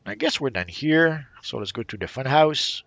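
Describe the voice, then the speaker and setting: A middle-aged Quebec man with a mixed Quebec French accent chats casually while playing a game for his gaming channel, rambling and hesitant with lots of fillers and restarts. His voice sits at medium pitch with lively intonation, normal speed and a fairly bright tone, recorded with no echo.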